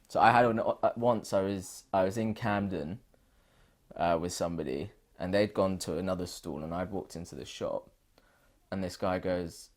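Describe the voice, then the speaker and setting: A British man with a very deep, low voice, being interviewed for an oral history. He talks in an earnest, reflective way. He often pauses and restarts his sentences as he thinks aloud. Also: darkish tone. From United Kingdom.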